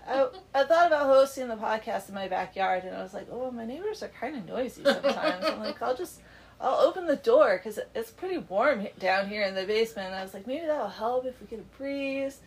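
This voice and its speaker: A middle-aged woman with a congested, fairly high voice hosts a chatty book club podcast from her home basement, sounding animated, a little fast, and quick to laugh. The recording quality is low.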